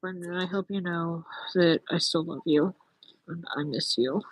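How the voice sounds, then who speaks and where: A woman speaking casually and emotionally to the dead, halting and tender, with frequent sighs and a husky voice. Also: lowish voice, fairly even intonation, no room sound, poor audio. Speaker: participant in a live spirit box session.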